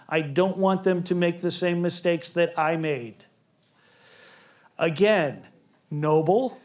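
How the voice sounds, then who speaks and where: High-voiced man giving a family seminar. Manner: conversational, acts out quoted dialogue. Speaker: family relationships presenter. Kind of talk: seminar talk to a live group.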